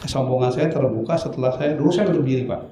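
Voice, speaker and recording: Guest man, earnest, animated storyteller, mid pitch, roomy echo with crowd noise behind. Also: quick pace. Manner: earnest, animated, acts out quoted lines. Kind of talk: candid testimony in a talk show.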